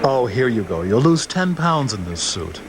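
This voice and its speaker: A man's voice: mid-range voice, very animated, moderate pace, noisy background. A man riffing sarcastically over an old film, cracking jokes at it. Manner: wisecracking, sarcastic. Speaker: riffing host.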